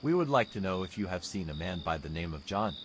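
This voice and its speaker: A man playing a calm, businesslike police officer in a horror game, speaking formally and matter-of-factly. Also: sits low. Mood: calm, official. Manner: formal, unhurried, matter-of-fact. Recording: clear background noise, chirping crickets.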